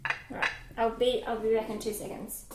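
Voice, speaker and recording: A woman's voice: on the high side, level tone, moderate pace, roomy sound, background noise. A woman live-streaming from her home kitchen, chatting casually and greeting viewers by name.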